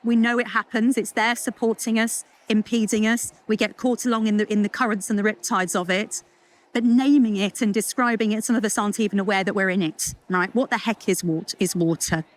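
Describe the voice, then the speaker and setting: A woman giving a chatty, lively conference talk, full of jokes and asides. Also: medium pitch, a little fast. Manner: lively, chatty, self-deprecating with puns and asides. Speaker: culture consultant speaker. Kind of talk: conference talk to a live audience.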